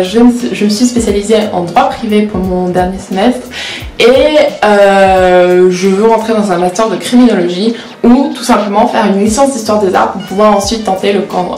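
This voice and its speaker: Soft music plays behind this 19-year-old vlogger as she talks at a moderate pace in a medium-pitched, darkish voice with fairly even intonation. A law student and native Portuguese speaker, she chats candidly and self-deprecatingly, often hesitating, in an echoey room.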